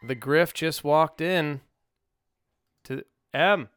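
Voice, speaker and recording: Gravelly-voiced man hosting a podcast. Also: fairly high pitch, drawn-out words, fairly bright tone, no room sound. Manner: reflective and rambling, with many restarts. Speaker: podcast host. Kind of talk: casual solo podcast talk. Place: home studio in Nashville. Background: faint song playing under the talk.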